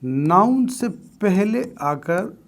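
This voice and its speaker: A man teaches a grammar lesson at an unhurried, drawn-out pace. He lays out each term slowly, then turns it into a question for the class and answers it himself. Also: sits high, expressive. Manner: slow, deliberate, repeats key terms as questions. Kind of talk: exam-prep grammar lesson.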